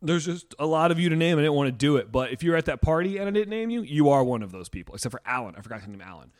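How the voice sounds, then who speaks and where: Male podcast host, fairly high voice, rambling crude banter full of fillers. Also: expressive, rapid-fire, a little mellow. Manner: rambling, filler-heavy, absurd jokes.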